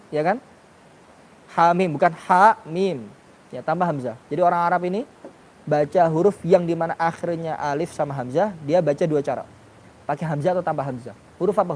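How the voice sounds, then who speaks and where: A man's voice: fairly high pitch, darkish tone, slight background noise. Man teaching Quranic letter sounds. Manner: questions students and models letter sounds. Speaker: tajwid teacher. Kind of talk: classroom lesson on Quranic pronunciation.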